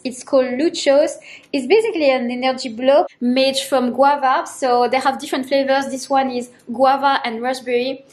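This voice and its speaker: A woman's voice: high voice, roomy sound. A woman vlogger talking casually to camera in a video diary. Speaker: vlogger, amateur runner.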